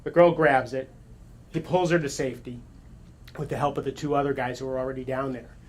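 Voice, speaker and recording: A man telling an animated, excited story to an audience at a gathering, with quick self-corrections and laughs. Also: medium pitch. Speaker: coach and speaker.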